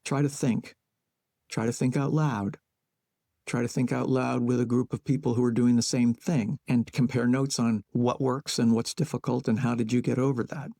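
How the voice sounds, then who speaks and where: A man with a gravelly, low-burning voice speaks as an interview guest. He thinks out loud in short, measured phrases, and his tone sits dark and mellow. The sound is close and dry, with no room around it. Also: flat delivery, no echo. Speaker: guest, playwright and educator. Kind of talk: reflective conversational interview.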